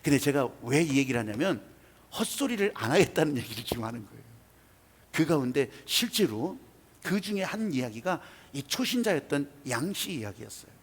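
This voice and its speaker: Husky-voiced man preaching a sermon. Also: on the high side, fairly quick. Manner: animated storytelling, emphatic asides. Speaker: pastor. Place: church sanctuary. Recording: reverberant church hall.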